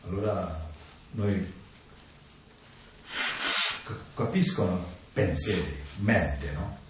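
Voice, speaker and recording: A man giving an informal talk on the mind, speaking in halting, simple phrases and often checking in with a questioning "no?" after his points. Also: sits low. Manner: halting, simple non-native grammar, keeps adding "no?". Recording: echoey room, distant mic, faint noise.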